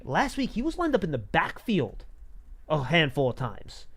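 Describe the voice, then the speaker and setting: A male sports show host talks through football analysis conversationally. His voice sits a little higher than average for a man, with an ordinary, unforced tone. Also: wildly swooping pitch, moderate pace, creaky, husky.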